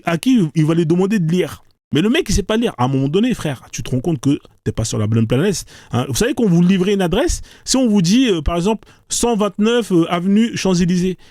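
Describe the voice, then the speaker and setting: A man's voice: high voice, mellow, dry recording, studio quality. A man hosting a live stream, talking in a sarcastic, rambling monologue full of "hein" and "euh" fillers.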